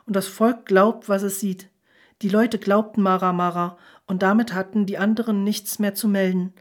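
A woman reading a storybook, voicing a commanding woman who speaks in a firm, measured way. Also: mid-range voice, steady tone, close to an everyday voice. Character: commanding woman, cool and authoritative.

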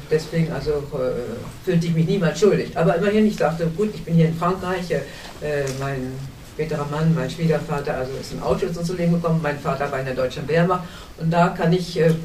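A woman's voice: sits low, mellow, slight background noise. A German woman in her seventies, a panel guest recounting memories in an earnest way, often restarting her sentences as she searches for words. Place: cinema hall. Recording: echoey hall, distant mic.

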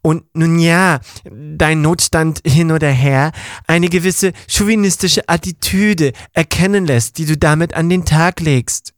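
A man's voice: fairly high pitch, unhurried, few pauses, dry recording, studio quality, lightly acted. A man voicing a pompous male squire companion who lectures in a stilted, formal way in an audio story. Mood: lecturing.

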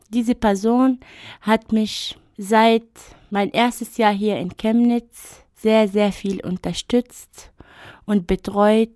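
A radio interview guest, this woman speaks German though Arabic is her first language, giving a thoughtful personal account punctuated by hesitations and fillers. Her mid-range voice has a darkish tone, captured dry and clean in the studio.

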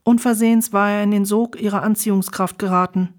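A woman reads a novel aloud, narrating at an ordinary middle pitch. Her reading is measured and steady. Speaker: audiobook reader. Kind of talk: scripted narration.

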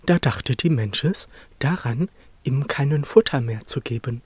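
A narrator reading a fairy tale aloud in an expressive storytelling manner. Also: medium pitch, unhurried, slightly rough, no echo.

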